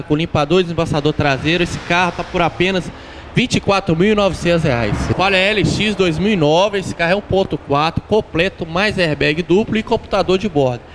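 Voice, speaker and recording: A young Brazilian man sells used cars into a handheld mic. His voice is high, and he lists each model and price at a steady clip. The noisy outdoor TV audio carries clear background noise. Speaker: car dealer consultant. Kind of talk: sales pitch.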